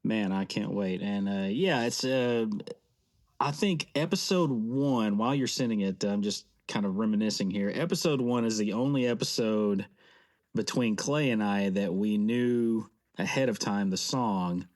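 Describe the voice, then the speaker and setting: Laughing, excitable male podcast co-host. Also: fairly low pitch, measured pace. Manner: laughs often, excitable, rambling. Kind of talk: casual chat.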